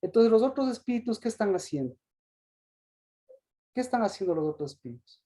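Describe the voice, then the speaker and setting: Halting man leading a Bible study. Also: sits high, big pitch swings, mellow. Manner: halting, repeats words and asks questions. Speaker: Bible teacher.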